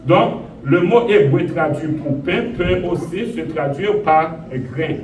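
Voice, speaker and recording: A male pastor from Haiti delivers a sermon at a deliberate, unhurried pace, his voice sitting a little high for a man. He repeats phrases and pushes some words up in emphasis. The sound is roomy and distant, with clear background noise from the church. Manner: slow, repetitive preaching with emphatic rises. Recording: echoey room, voice from a distance, audible noise.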